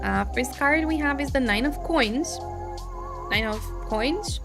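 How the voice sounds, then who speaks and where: A woman's voice: sits high, expressive, takes it slowly, vocal fry. A woman live streamer doing tarot readings, chatting casually and giggling as she greets her viewers. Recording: background music under the voice.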